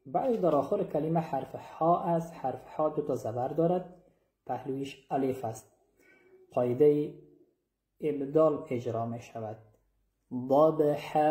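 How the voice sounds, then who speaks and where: A man leads a tajweed lesson and repeats each syllable slowly and deliberately. His voice is warm and mellow. It is recorded in a room with a noticeable echo. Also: fairly high pitch. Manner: explains slowly and repeats sounds, drawing out demonstrated syllables. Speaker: Quran recitation teacher.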